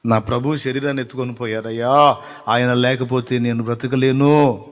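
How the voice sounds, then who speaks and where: A man's voice: mid-range voice, steady tone, normal speed, long reverb tail, close to an everyday voice. A man voicing a grieving woman disciple who pleads and wails at a tomb. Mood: pleading grief. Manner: pleading, wailing cries.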